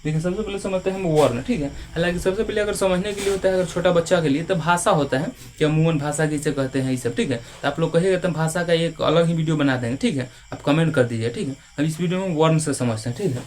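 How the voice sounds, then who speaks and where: A man's voice: a little high, fast talker, few pauses, darkish tone, a little hiss or hum. Patient male teacher. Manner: patient, repetitive, ends phrases with a check-in tag. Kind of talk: Hindi grammar lesson.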